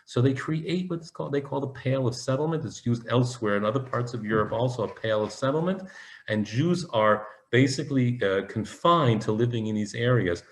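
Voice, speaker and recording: A man lecturing on history as he talks through slides on screen. He explains step by step in a mid-pitched voice, pausing often to restart a phrase. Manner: explanatory, many fillers and restarts. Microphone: webinar presentation.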